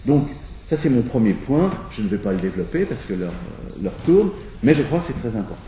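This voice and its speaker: A man speaking as a sociologist in a discussion, with a mellow, darker tone. He works through his reasoning with many pauses, small fillers and restarts. The recording sounds roomy and a little distant, with a faint hiss behind him. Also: mid-range voice, big pitch swings. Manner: thinking aloud with hesitations and restarts. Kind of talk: spoken lecture-style argument.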